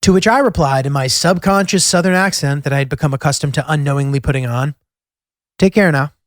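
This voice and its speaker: A man's voice: fairly high pitch, quick pace. A man hosting a travel series, telling his road trip in scripted narration with wry, self-deprecating humor.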